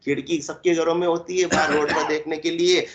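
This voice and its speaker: A man giving a spiritual discourse, explaining by asking and answering his own questions and drawing out verse lines slowly. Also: a little high, level tone, background noise. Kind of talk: Hindi satsang discourse. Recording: dull lo-fi recording.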